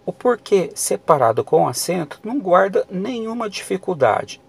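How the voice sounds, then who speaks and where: A man's voice: high voice, big pitch swings, moderate pace, creaky, slightly rough. A man teaching a grammar lesson for exam prep, explaining patiently with many fillers and restarts.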